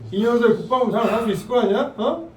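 A man in his fifties acting a bitter senior officer in a comedy sketch, gruff, grumbling and swearing. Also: extremely high pitch, rapid-fire. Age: 50s. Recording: echoey room, mic at a distance.

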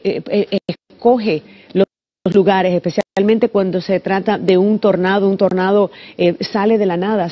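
A woman's voice: lowish voice, highs cut off. A woman news anchor presenting live hurricane coverage. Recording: music behind the voice.

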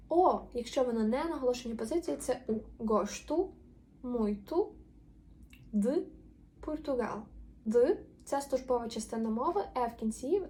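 A woman with a slightly raised pitch teaches a beginner language lesson. She explains rules patiently and stretches out example words slowly so learners can follow. A faint hiss sits under the recording. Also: a little mellow.

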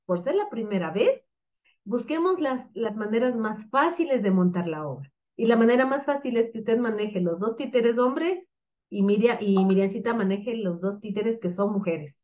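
A woman's voice: a little high, expressive, normal speed, a little mellow, muffled recording. A woman teacher explaining a puppet play to her students, now and then acting out the puppet voices.

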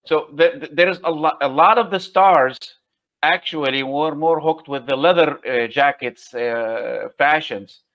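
Man asking halting questions on a dull line. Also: a little high. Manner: halting questions with repeated words. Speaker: host. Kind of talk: interview questions. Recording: dull lo-fi sound.

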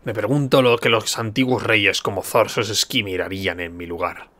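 A weary young chieftain weighed down by doubt, read out by a Spanish man. His lines come slow and subdued in a bright voice with a Spain Spanish accent. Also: lowish voice, fairly even intonation.

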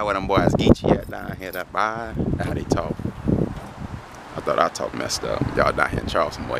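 A young man from South Carolina, telling stories in a casual, animated, slangy way as a vlogger in his car. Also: gravelly, very noisy. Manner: animated storytelling, slangy, rising pitch when indignant. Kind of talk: casual vlog chat.

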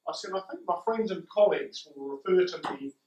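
A man's voice: high-pitched, expressive, fairly quick, darkish tone. Older man, broad Kiwi accent, echoey room. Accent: New Zealand. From New Zealand. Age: older, around 60s. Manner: conversational, self-deprecating. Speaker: conference speaker, school principal. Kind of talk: informal conference presentation. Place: indoor conference room, standing before a small audience. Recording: roomy, echoing conference room.

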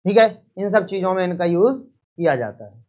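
A man's voice: sits high, lively intonation, normal speed, dark tone. A man teaching a live online chemistry lesson, repeating each point and quizzing students.

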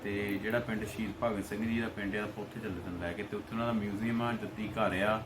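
A man's voice: fairly low pitch, steady tone, quick pace. A man with a Punjabi accent casually explaining things to camera like a local guide. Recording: loud background noise.

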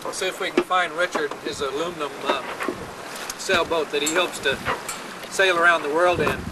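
An older man chatting casually in a home video aboard a sailboat, relaxed and halting with fillers. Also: on the high side. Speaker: boat owner filming a home video. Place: outdoors on a sailboat on a lake. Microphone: camcorder microphone. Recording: camcorder audio with heavy wind noise. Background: loud wind on the microphone.

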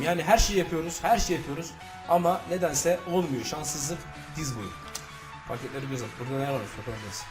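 A man hosting a gaming channel, loudly commentating his own football match and swearing at it. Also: a little high. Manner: swears loudly and shouts at the game. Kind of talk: live gameplay commentary.

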